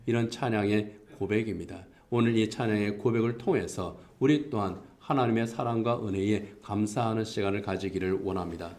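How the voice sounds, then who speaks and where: Delivering a Sunday sermon, a male pastor speaks in a lowish, darkish voice, fairly quickly and with hardly any pauses. His tone is earnest, rising for emphasis, and he reads scripture aloud together with the congregation.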